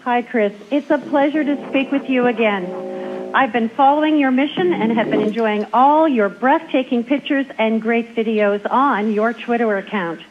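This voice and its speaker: A woman's voice: fairly high pitch, normal speed, highs cut off. A woman government official speaking over a radio link to a space station in formal, scripted greetings. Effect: voice relayed over a radio link to a space station.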